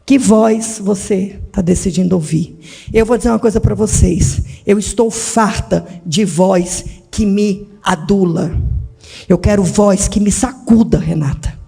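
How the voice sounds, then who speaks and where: A woman pastor preaching a dramatic sermon in a church, swinging from shouts to hushed tones. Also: mid-range voice, a little slow, creaky, slightly rough, long reverb tail. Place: church hall.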